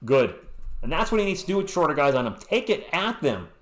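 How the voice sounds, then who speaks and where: A sports stream host from Western Massachusetts calls a basketball game play by play on a live stream, in a voice on the high side that is very animated and brisk. He's chatty, answering chat messages with joking asides and cracking jokes between plays. The recording has a roomy echo.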